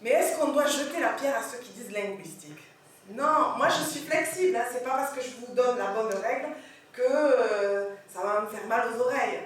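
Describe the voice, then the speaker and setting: A woman French teacher giving an animated lecture on pronunciation, checking in with her audience as she goes. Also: on the high side, moderate pace. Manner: animated, corrects pronunciation, asks the audience questions. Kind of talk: lively classroom lecture. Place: lecture hall. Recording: echoey hall from far off, faint hiss.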